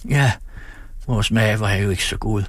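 A man's voice: fairly low pitch, no echo, natural voice. A man voicing a sour, stingy, hard-of-hearing old aunt with a prim manner.

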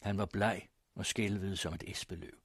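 A man narrating a first-person story in a measured, grave manner. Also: low voice, level tone, slightly rough, no room sound, studio quality. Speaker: audiobook narrator.

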